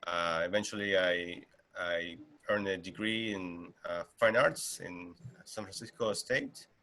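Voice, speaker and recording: A man in his thirties, from Argentina, speaks as a guest artist in a relaxed interview. His voice sits very low yet sounds bright and forceful. He talks slowly, often restarting and filling pauses. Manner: unhurried, many fillers and restarts. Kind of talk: casual interview talk.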